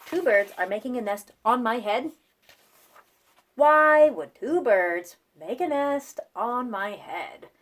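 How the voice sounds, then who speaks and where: A woman voicing an excitable, easily flustered storybook elephant with dramatic, exclamatory questioning. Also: a little high, slow. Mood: exasperated.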